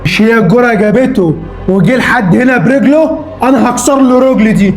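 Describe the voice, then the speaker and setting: A young man with an Egyptian accent playing an angry son who shouts threats in a melodramatic short film. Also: very high voice, a little fast, faint music behind. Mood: outraged. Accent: Egyptian Arabic.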